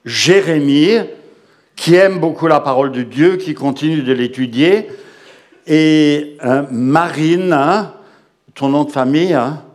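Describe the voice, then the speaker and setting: Slow, conversational middle-aged man hosting at church. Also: on the high side. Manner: hesitant, conversational, frequent "hein" tags. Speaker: church host and interpreter. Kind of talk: informal introduction and consecutive interpreting to a congregation.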